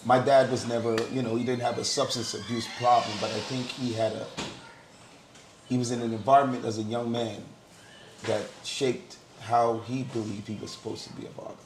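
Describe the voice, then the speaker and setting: A man's voice: medium pitch, level tone, a little fast, noisy background. A middle-aged man from Guyana sharing his story in a candid group discussion, stressing points by repeating words. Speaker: panel speaker. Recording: roomy sound with crowd murmur. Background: crowd murmur.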